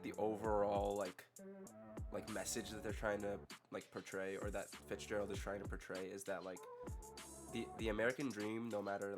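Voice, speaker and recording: A teenage student giving his view on a school podcast, halting and restarting often with "like.". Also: on the low side. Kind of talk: casual class podcast discussion. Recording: music clearly behind.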